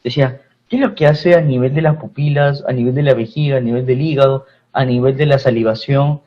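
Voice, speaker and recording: A Peruvian man at a middle pitch teaches a pharmacy course. He talks in loose, repetitive phrases and keeps checking in with his students. The sound is dull and lo-fi, like an online class recording. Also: fairly even intonation, a little fast. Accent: Peruvian Spanish. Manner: repeats phrases, asks the class questions.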